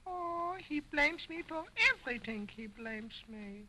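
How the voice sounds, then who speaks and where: A fresh-mouthed wooden dummy boy talks back in a squeaky, sing-song puppet voice. Its pitch leaps all over the place, its tone is bright and piercing, and its sassy wisecracks come out slow and drawn. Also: big pitch swings, slight background noise, heavily acted, poor audio. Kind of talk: 1920s film acting.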